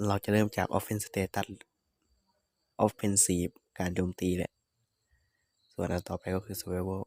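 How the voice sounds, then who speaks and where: Low gravelly man explaining game stats. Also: no echo. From Northeastern Thailand. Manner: relaxed, explanatory, thinking aloud with hums. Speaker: gaming channel host. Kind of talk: casual game tutorial voice-over.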